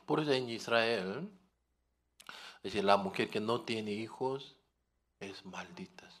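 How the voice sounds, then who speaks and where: A man preaching a sermon, often asking the congregation questions and telling lively everyday stories. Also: fairly low pitch, slow, pauses often. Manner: questioning the audience, animated storytelling.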